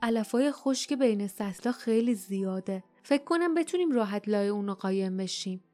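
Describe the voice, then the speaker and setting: A woman's voice: mid-range voice, lively intonation, soft background music, lightly acted. Woman voicing an alert teenage boy. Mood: tense. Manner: quiet, hurried speech.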